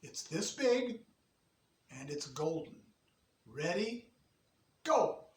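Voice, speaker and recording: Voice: medium pitch, big pitch swings, drawn-out words. Storyteller doing a kindly old neighbor. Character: kindly older man, playful neighbor. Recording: roomy, distant, ukulele music behind.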